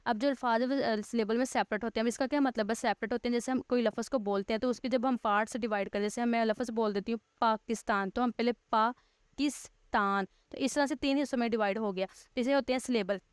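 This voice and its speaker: A woman teacher, giving a recorded grammar lesson. She reads English text slowly, then patiently explains it step by step, rephrasing points. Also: on the high side, fairly even intonation, clear, resonant tone, no room sound, studio quality.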